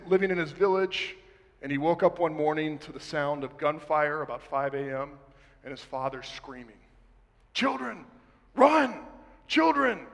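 Impassioned preacher in a reverberant hall. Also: male voice, a little high. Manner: dramatic, swings from loud to hushed, slows for emphasis. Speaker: pastor. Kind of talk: sermon.

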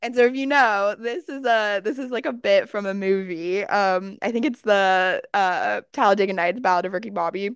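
A young woman from Texas co-hosting a podcast, chatting casually and telling animated stories with acted-out quotes and lots of fillers. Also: mid-range voice, moderate pace, few pauses, smooth, no echo, clean studio sound. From Austin, Texas. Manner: animated storyteller, acts out quotes, many fillers. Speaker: podcast co-host. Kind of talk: casual chat, storytelling.

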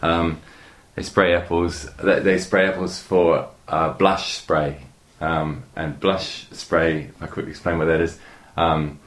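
A man's voice: sits low, level tone, measured pace, few pauses. A middle-aged man with a New Zealand accent, a guest chatting hesitantly with many fillers and restarts. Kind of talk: casual interview talk.

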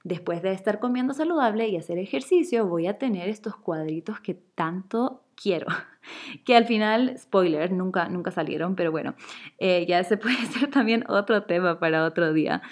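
Young woman from Chile, casual vlog monologue, chatty and candid, medium pitch. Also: lively intonation, moderate pace. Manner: chatty, candid, frequent fillers and laughs.

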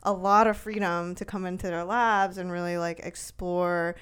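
A woman's voice: on the low side, fairly even intonation, normal speed, fairly bright tone, clear, resonant tone. Bubbly young woman podcast co-host. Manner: bubbly, laughs often. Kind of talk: casual chat.

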